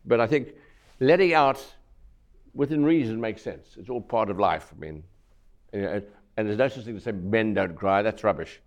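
A man's voice: lowish voice, lively intonation, moderate pace. An older man speaking bluntly and matter-of-factly as a guest on a discussion panel.

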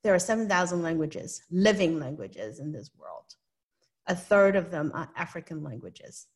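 Pitched on the low side, her voice moves with lively intonation at an ordinary pace. She is a Hong Kong woman with a local English accent, a guest in an interview who explains earnestly and frequently checks in with "right?"

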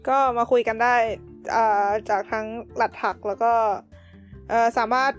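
A woman's voice: fairly high pitch, fairly even intonation, normal speed, muffled recording, soft background music. A woman co-hosting a casual podcast in a teasing, playful way. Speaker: podcast co-host.

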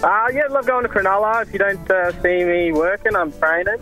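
A man's voice: high voice, brisk, sharp tone. An Australian man chatting casually on a radio phone-in with a cheeky, flirty, joking manner. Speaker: radio phone-in dating contestant. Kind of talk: casual chat. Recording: phone call over music bed. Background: music.

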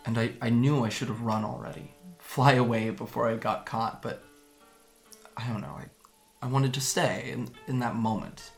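In an audio drama, an actor plays a guarded, wry young man from Japan being interviewed about fleeing home. His natural mid-range voice is gravelly and soft, the mood somber, as he hesitantly recalls his escape with halting restarts while faint music plays behind.

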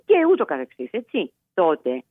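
A woman psychologist giving measured advice as a podcast guest, pausing and restarting often, heard over a phone line. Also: low-pitched, sing-song, slightly rough, dry recording. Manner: measured, explanatory, with frequent hesitations.

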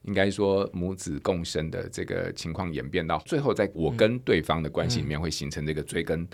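A man's voice: sits low, brisk, vocal fry. A man with a Taiwanese Mandarin accent hosting a podcast interview, engaged and summarizing his guest's points before asking follow-ups. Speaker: podcast host. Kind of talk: relaxed interview chat.

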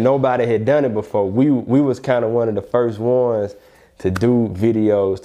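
A man with an Alabama Southern accent speaks in a low-leaning, very mellow and relaxed voice. He talks casually, as in an interview, using plenty of slang and often checking that the listener follows. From Alabama, United States. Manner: slangy, repeatedly checks "you know what I'm saying". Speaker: rapper being interviewed.

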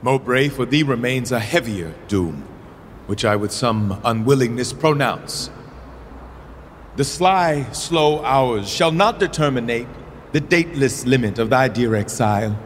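A man's voice: medium pitch, expressive, measured pace, lightly acted. An actor playing a young, imperious medieval king, declaiming Shakespearean verse in a regal, mercurial manner. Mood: cold. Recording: long hall reverb, background noise.

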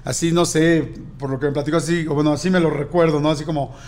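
A man with a notably high voice and a Mexican accent tells a story in relaxed conversation. He acts out other people's lines as he goes, and the telling stays animated throughout. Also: fast. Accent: Mexican Spanish. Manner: animated anecdote-telling, acting out dialogue. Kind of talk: casual chat.

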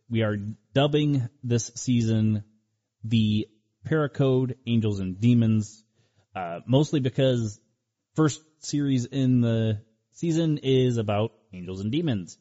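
Male host, conversational and halting, soft-edged mellow tone, dull audio. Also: medium pitch. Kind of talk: talk show hosting, conversational.

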